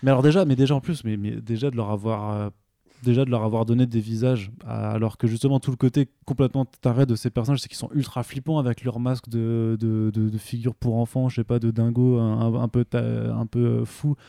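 A man co-hosting a casual podcast, rattling along at a fast pace and tripping over his own words as he gets excited. His voice is dark and mellow, and it sounds dry and close. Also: mid-range voice, no room sound. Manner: excited, stumbles and repeats words. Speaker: podcast co-host. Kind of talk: casual chat about a series.

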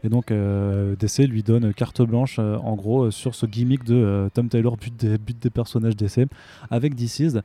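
A man's voice: mid-range voice, steady tone, normal speed, warm tone. A man from France co-hosting a podcast, chatty and rambling with frequent restarts. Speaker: podcast co-host. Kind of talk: casual podcast chat.

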